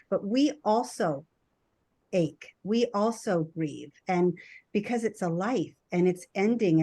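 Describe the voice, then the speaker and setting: A woman's voice: medium pitch, darkish tone. A woman hospice nurse talking in an earnest, empathetic way, as in a conversational panel discussion.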